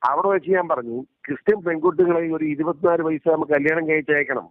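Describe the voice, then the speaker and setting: A man's voice: a little high, quick pace, no echo. A man speaking emphatically in a casual phone conversation, repeating his points, heard over a phone line. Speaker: interviewee. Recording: tinny dry phone line.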